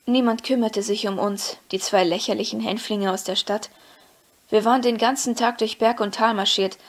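A woman with a medium-pitched voice reads a novel aloud as an audiobook, narrating in a measured, expressive storytelling style.

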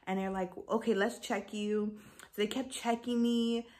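A young woman vlogger casually recounting her labor story, animated and jumping high in pitch when she retells her frustration. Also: measured pace.

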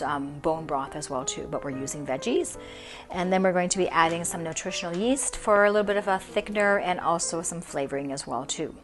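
A middle-aged woman hosting a cooking show in her home kitchen, explaining each step in a friendly way with a few fillers. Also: fairly low pitch. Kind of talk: cooking demonstration.

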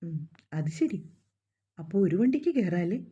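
A woman voicing a calm, kindly young man who speaks in a gentle, reassuring way, in a storybook reading on a dull lo-fi recording. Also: lowish voice, normal speed, husky.

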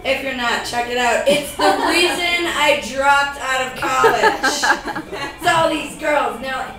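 A woman's voice: high voice, measured pace, over a noisy crowd. A young woman performing a profane stand-up comedy set, laughing through her punchlines. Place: comedy club stage with live audience. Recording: echoey room, distant mic, audience noise.

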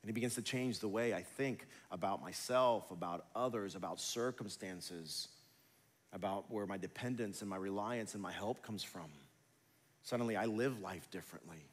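A man's voice: lowish voice, moderate pace. A man preaching a sermon as pastor, conversational and building to emphatic passages. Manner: conversational preaching, rising to emphatic near the end. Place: large church sanctuary. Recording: church hall reverb.

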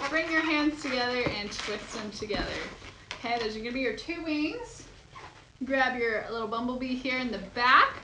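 A young woman teaching balloon twisting step by step, bubbly and giggly, gushing over how cute each piece looks. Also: high voice. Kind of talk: step-by-step tutorial. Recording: echoey room with audible noise.

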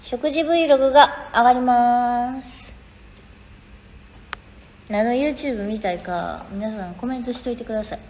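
A woman's voice: on the high side, unhurried, pauses often, darkish tone. A young woman with a Kansai accent hosting a live stream from her phone, reading viewer comments aloud and answering them in a chatty, casual way. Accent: Kansai Japanese. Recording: reverberant room, faint background noise.

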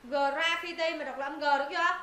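A woman teacher runs a pronunciation drill, repeating words and quizzing her students. Her voice is high and bright. It rings in an echoey room with faint background noise. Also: fairly even intonation, fairly quick. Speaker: English teacher. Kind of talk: live pronunciation lesson to students.

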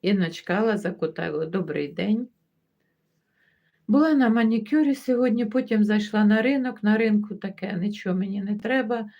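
A woman's voice: medium pitch, normal speed, dull audio. A woman hosting a livestream in casual chat, reading out viewer comments and greeting viewers by name. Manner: chatty, warmly greets viewers by name one after another; easygoing, laughs as she talks. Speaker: livestream host.

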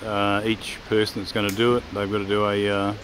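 A man with a lowish, fairly monotone voice narrates a travel vlog while walking around an outdoor park. He talks in a matter-of-fact, unhurried way, filling gaps with "uh", and clear outdoor background noise runs under his voice. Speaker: travel vlogger. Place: outdoors at a forest waterfall park. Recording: noisy outdoor ambience.

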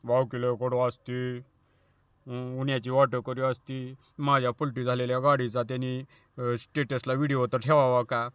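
A man's voice: mid-range voice, little pitch movement, moderate pace, clear, resonant tone, no room sound, lo-fi sound, voice pushed down, natural voice. A man voicing a sulking truck owner who grumbles hesitantly. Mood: sulky grumbling.

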